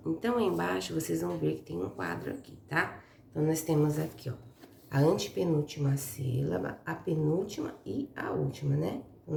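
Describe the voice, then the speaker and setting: A woman's voice: sits low, creaky, mellow. A middle-aged woman with a Brazilian Portuguese accent teaching an online school lesson, patient and explaining step by step. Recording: echoey room with faint noise.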